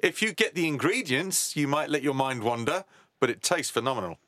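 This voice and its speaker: Lively, playful male pundit. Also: mid-range voice, brisk, no room sound, clean studio sound. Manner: enthusiastic, playful. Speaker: podcast guest, golf pundit. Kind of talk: casual podcast banter.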